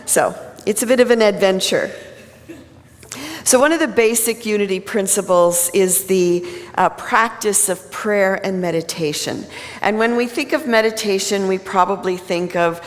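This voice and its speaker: A woman's voice: medium pitch, moderate pace. A woman minister giving a conversational sermon at a pulpit microphone in a church. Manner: conversational, plain-spoken. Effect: speaking at a pulpit microphone. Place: church sanctuary. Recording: long reverb of a large hall.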